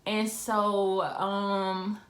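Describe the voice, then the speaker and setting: A woman's voice: mid-range voice, very slow. Young woman telling her story, roomy echo. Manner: candid, animated storytelling with asides and laughs. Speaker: vlogger. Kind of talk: casual storytime chat. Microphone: phone camera.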